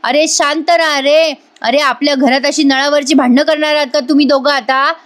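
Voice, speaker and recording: A commanding old grandmother who scolds the whole household, as a woman puts her on. She sounds firm and high-pitched, like the head of a family in a drama. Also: fairly even intonation, moderate pace, lightly acted. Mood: stern. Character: stern elderly grandmother Purnaji, head of household.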